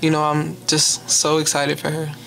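A woman's voice: sits low, completely flat delivery, normal speed, creaky. A young woman who plays college basketball, answering postgame questions into a table mic in an easygoing way, full of "you know" and "um". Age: young adult. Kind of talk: postgame press conference answers. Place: press room in front of a sponsor backdrop. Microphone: table mic on a stand.

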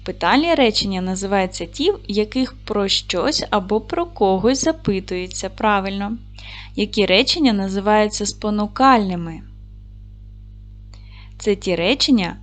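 A woman's voice: medium pitch, animated, measured pace, faint music behind. A woman teaching a recorded lesson to young children. She is patient and encouraging, asks questions, and answers them herself. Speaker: primary school teacher.

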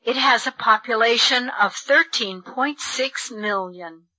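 A woman reads lesson sentences slowly and precisely in a bright, slightly high voice. The recording is dry, with no room sound. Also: no echo, poor audio. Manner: slow, precise enunciation for learners. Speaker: textbook audio reader. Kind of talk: slow, clear textbook reading.

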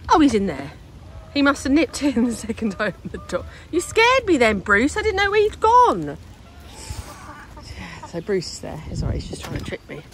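A woman's voice: a little high, wildly swooping pitch, normal speed, slight background noise, poor audio. A woman giving a casual walk-and-talk vlog about her home renovation, chatty and thinking aloud, recorded outdoors in a garden on a handheld phone. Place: outdoors in a garden building site. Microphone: handheld phone camera.

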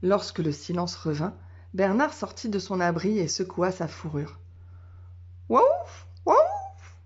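A woman teacher reading a children's storybook aloud in a calm, measured way. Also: fairly low pitch, husky. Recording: dull lo-fi sound.

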